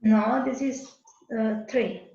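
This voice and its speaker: Italian lady, broken simple english, gravelly voice, dull echoey video call line. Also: on the high side, steady tone, slow pace, mellow. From Italy. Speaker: meeting participant. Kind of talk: casual chat on a video call.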